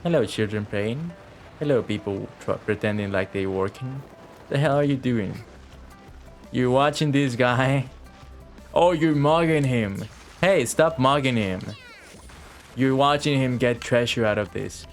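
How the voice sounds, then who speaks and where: A game streamer with a medium-pitched voice talks a little slowly, offering casual, sarcastic commentary as he plays along and swears freely. Video game music runs underneath.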